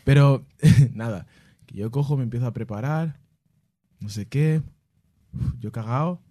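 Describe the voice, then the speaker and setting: A man, a musician answering fan questions in casual, animated storytelling, laughing and mimicking sounds and voices. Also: medium pitch, unhurried, no room sound, clean studio sound.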